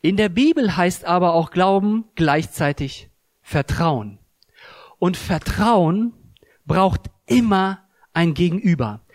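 A man's voice: high voice, lively intonation, slow, dry recording, clean studio sound. A man giving an earnest, emphatic sermon, telling a story and explaining a Bible passage. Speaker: preacher.

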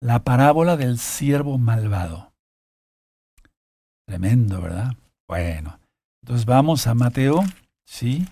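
A man with a dark, mellow voice teaches from the Bible in a deliberate, repetitive way. He reads passages aloud, then breaks off to speak straight to his listeners. The sound is dry and close, with little room in it. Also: medium pitch, expressive, husky, no room sound. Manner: slow, deliberate, repeats key phrases. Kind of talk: sermon-style Bible teaching.

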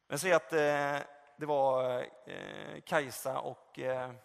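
A man preaching a sermon, passionate, moving between loud exclamations and soft, conversational storytelling. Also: fairly high pitch, gravelly. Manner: passionate, swings from loud calls to soft reflection; conversational with fillers and retold dialogue. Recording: long reverb of a hall.

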